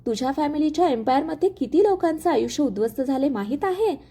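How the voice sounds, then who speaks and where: Story-read male villain, cold and mocking, read by a woman, high mellow voice. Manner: calm, mocking, slow menace. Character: cold scheming male villain, grown man.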